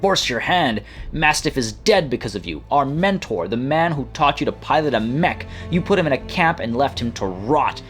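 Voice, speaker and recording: A man's voice: medium pitch, big pitch swings, normal speed, few pauses, a bit bright. A man voicing an earnest, righteous young noblewoman leader in a video game, speaking formally. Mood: wounded, accusing. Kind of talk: video game dialogue read aloud. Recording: music playing behind.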